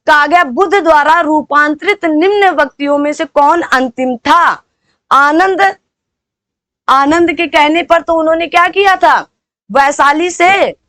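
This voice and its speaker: Teaching an exam-prep lesson, this woman goes over points again and again and fires off quick rhetorical questions to her listeners. Her voice is high and a bit bright, recorded with no room sound.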